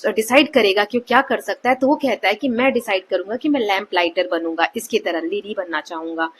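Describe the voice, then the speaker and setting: A woman explaining a textbook lesson as a teacher, with an Indian accent. She goes slowly line by line and keeps checking in with her students. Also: mid-range voice, breathy edge. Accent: Indian English.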